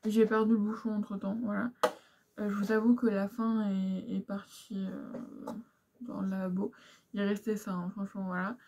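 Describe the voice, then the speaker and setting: A young woman with a mid-range voice talks at a normal speed, her pitch barely moving, over very noisy audio. She's a beauty vlogger frankly chatting through products she's used up, full of fillers and asides, in a casual review style.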